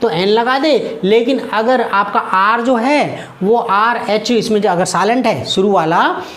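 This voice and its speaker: A woman teaching English grammar in a lively classroom style. She drills words by repeating them and asks and answers her own questions. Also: mid-range voice, a little slow.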